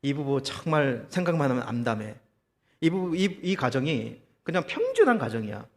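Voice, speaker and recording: A man preaching a sermon as pastor, telling a story with lively, acted-out quotes and rhetorical questions to the congregation. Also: medium pitch, normal speed, in a large hall. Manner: animated storytelling, acting out quoted voices. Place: church.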